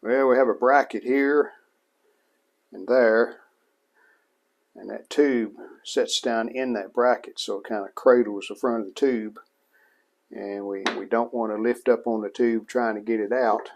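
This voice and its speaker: Working on a repair, a man offers relaxed, hands-on narration as a hobbyist restorer, reasoning aloud without hurrying. His mid-range voice stays steady and plain-spoken.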